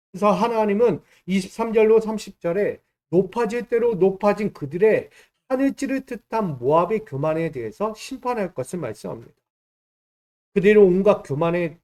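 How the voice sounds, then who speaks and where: Male pastor, high voice, emphatic sermon delivery with rhetorical questions. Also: darkish tone.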